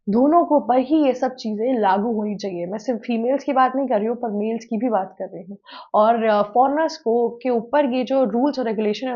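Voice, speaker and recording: A woman presenting opinion commentary for a news channel, arguing earnestly and asking rhetorical questions. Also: fairly high pitch. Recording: slightly dull lo-fi sound.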